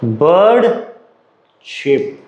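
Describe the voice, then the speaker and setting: Indian English male teacher, unhurried exam revision lesson, jokey chat, roomy echo. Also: fairly high pitch, very animated, lo-fi sound. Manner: chatty, joking, mixes Hindi and English.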